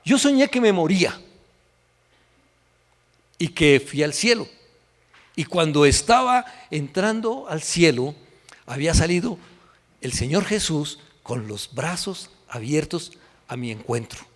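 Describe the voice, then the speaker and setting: A man preaching a sermon as pastor, telling a story in an animated, emotional way, recorded in a church hall. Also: a little high, measured pace, pauses often. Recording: echoey hall reverb.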